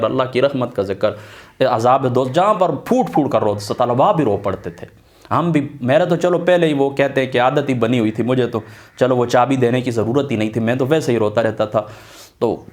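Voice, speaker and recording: A middle-aged man from Pakistan speaks as an Islamic scholar looking back on his student years. His voice sits at an ordinary middle pitch, and his storytelling is earnest and lively. He swears oaths that what he says is true. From Pakistan, Attock area. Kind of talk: casual storytelling talk.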